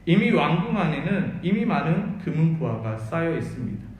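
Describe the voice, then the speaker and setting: A man's voice: fairly high pitch, darkish tone, heavy reverb, a little hiss or hum, rough recording. A male pastor preaching a sermon, earnestly asking the congregation rhetorical questions. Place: church sanctuary.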